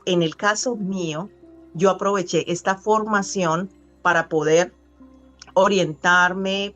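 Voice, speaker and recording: A middle-aged woman speaking as an interview guest, earnest and reflective, pausing and restarting as she thinks. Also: on the low side. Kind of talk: conversational interview.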